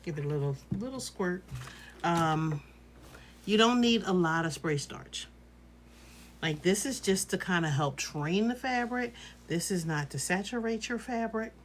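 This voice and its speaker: A woman talks through her quilting steps in a relaxed, chatty live tutorial. Her voice sits a little low, and she keeps reassuring viewers as she works. A faint hiss of background noise runs under the recording. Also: measured pace. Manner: chatty, reassuring, thinks aloud while working. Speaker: quilting instructor.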